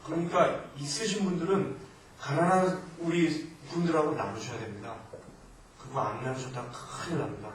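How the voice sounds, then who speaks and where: A male missionary preaching a sermon in Korean to a congregation, alternating loud emphatic exhortation with quieter asides. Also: a little high. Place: church sanctuary. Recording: echoey church hall from far off, faint noise.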